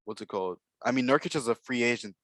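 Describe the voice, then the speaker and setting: A man's voice: medium pitch, lively intonation, quick pace, a bit bright, dry recording. Casual male co-host, analytical and hedging, dry close sound. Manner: analytical, hedging with many fillers. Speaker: podcast co-host. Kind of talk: casual basketball draft chat.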